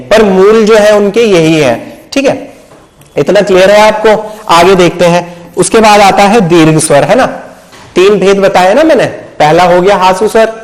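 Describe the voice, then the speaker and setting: A man's voice: high-pitched, low-quality recording. A man teaching a Hindi lesson who asks questions and answers them himself, checking in with his students often. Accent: Hindi mixed with English words. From Uttar Pradesh. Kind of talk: explanatory video lesson.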